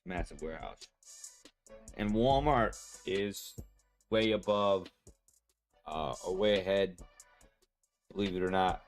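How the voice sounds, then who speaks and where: A man chatting casually to his stream viewers, rambling and excitable, full of fillers and restarts. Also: low-pitched, slow pace, pauses often. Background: faint music.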